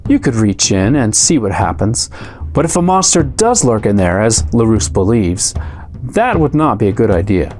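Man, host, reads a gamebook aloud, dramatic storytelling, very lively pitch. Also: moderate pace. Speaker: storybook reader.

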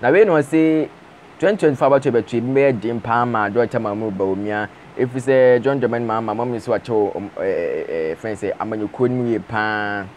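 A young man presents the news in a steady spoken commentary, with frequent fillers, recorded on an earphone mic in a small room. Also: medium pitch, brisk, slight background noise. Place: small indoor room with patterned wallpaper. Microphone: wired earphone mic, webcam framing.

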